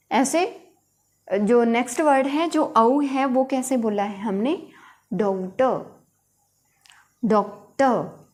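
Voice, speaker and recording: Brief: woman teacher, fairly high voice, slow and patient, explains step by step while writing. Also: a little mellow. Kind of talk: phonetics lesson at a board.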